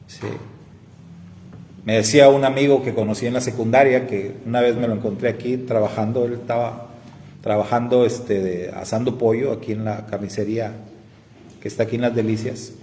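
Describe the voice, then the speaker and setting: A man's voice: mid-range voice, steady tone, moderate pace, mellow. A man with a Mexican accent, a pastor teaching a conversational church class with folksy storytelling and tag questions. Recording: long hall reverb, faint noise.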